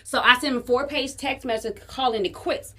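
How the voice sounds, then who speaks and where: Woman, podcast co-host, casual storytelling, acts out dialogue, bright tone, raised pitch. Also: fairly quick. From Chicago. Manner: animated, profane, acts out quoted dialogue.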